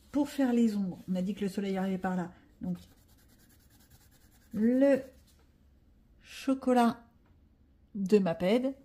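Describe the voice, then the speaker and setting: A woman's voice: mid-range voice, mellow. A woman with a French accent chatting casually as she colors, thinking aloud and poking fun at herself while explaining each step. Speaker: coloring vlogger. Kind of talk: casual narrated tutorial.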